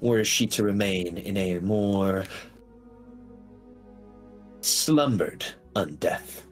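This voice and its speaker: Man voicing an imperious, low-pitched undead mummy woman. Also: slow pace, soft background music. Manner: imperious, stiffly formal. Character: imperious female mummy companion, formal and grave.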